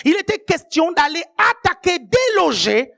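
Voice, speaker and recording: A woman delivering a sermon in a high, bright voice. She speaks with force and keeps checking that the congregation is still following. At key points she rises to shouted emphasis. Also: big pitch swings, measured pace, gravelly. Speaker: preacher.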